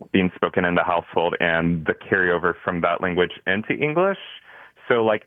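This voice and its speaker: Deep young man, phone-like sound. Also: no room sound. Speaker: guest commenter, recent graduate. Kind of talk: thoughtful conversational explanation. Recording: dry, narrow phone-like radio sound.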